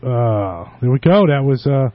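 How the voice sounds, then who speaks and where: A man hosting a show with casual, unscripted talk in a halting, rambling manner. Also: medium pitch, lively intonation, dry recording. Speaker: podcast host. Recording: dull lo-fi internet radio audio.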